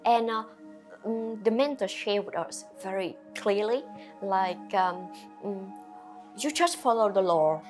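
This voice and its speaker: Soft background music accompanies a Vietnamese-accented woman, a restaurant owner from Vietnam, being interviewed. She answers in basic, hesitant non-native English full of fillers, in a mid-range voice with a darkish tone.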